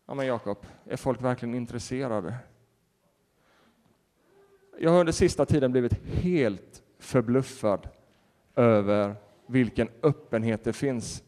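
A man who is a pastor, preaching a sermon and telling stories in a lively way with acted-out quotes. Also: mid-range voice, clean tone. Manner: animated storytelling with laughter and acted-out quotes. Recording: reverberant hall.

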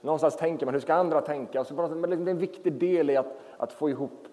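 A man in his thirties preaching a relaxed, chatty sermon full of fillers, to a congregation in a church. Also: fairly high pitch. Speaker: pastor. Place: church hall. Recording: reverberant church hall.

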